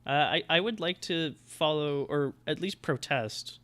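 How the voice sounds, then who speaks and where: A man's voice: a little high, a little slow, fairly bright tone, slight background noise. A man playing a tabletop game, fussy and wry over an online call. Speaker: player. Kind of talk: tabletop play.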